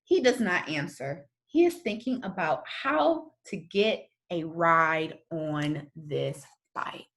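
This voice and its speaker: Reading a children's story aloud, a woman takes on the storyteller's role with a deep voice. Her phrasing is expressive and deliberate, full of dramatic emphasis.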